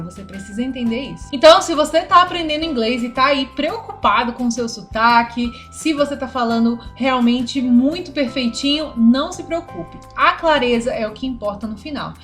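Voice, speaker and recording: A woman's voice: a little high, a bit bright. A woman with a Brasília accent, teaching a video lesson and talking straight to the viewer in a conversational way, often asking questions. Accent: Brasília Brazilian Portuguese. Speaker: English teacher.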